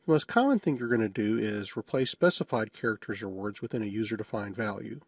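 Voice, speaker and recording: Man, husky mid-pitched voice, dry close mic; relaxed software screencast walkthrough. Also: fast, dry recording. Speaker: software demo presenter. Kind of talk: screencast tutorial narration.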